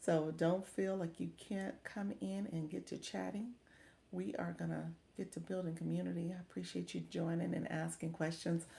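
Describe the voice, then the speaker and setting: Upbeat gravelly-voiced woman livestream host. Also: on the low side, little pitch movement, normal speed. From Chicago, US Midwest. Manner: warm, upbeat, thanks viewers often, calls them friend. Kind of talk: casual livestream chat reading viewer comments.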